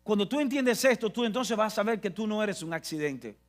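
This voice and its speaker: A man's voice: high-pitched, animated, brisk. A man with a Dominican Spanish accent preaching a sermon, emphatic and repetitive, often restarting his phrases.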